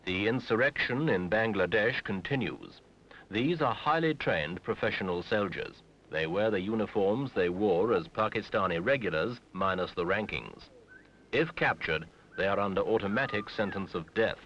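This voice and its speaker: A man giving grave, measured scripted narration in short phrases for an old newsreel soundtrack. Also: lowish voice, lively intonation, a little hiss or hum. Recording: dull lo-fi 1970s film sound with music.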